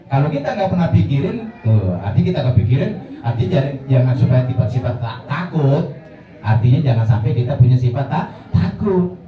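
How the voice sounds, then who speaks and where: Lively preacher with a twang. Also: male voice, mid-range voice, fairly quick, a crowd in the background. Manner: lively, jokey, acts out voices of the dead and pilgrims. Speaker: preacher at a women's study circle. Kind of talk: informal religious talk. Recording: echoey hall, distant mic, muffled.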